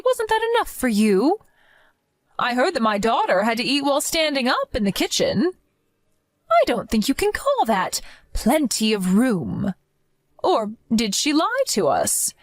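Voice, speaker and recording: Woman playing a middle-aged mother, calm and pointed, somewhat high voice, lively pitch swings, dry close recording, chat-story drama. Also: no room sound.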